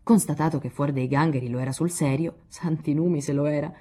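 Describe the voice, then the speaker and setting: Low husky woman narrating a novel. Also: fairly even intonation, fast, mellow. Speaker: audiobook reader. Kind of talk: literary narration.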